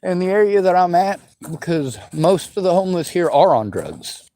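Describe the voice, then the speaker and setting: A man's voice: high voice, expressive, normal speed, warm tone, low-quality recording. Bitter, swearing man in his forties. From western United States. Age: 40s. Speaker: vlogger answering viewer questions. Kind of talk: angry unscripted monologue.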